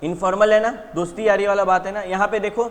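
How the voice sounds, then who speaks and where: A man's voice: sits high, flat delivery, fast talker, in a large hall. A man teaching an exam revision lesson in a conversational way, asking his students questions and then answering them himself. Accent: Indian English words.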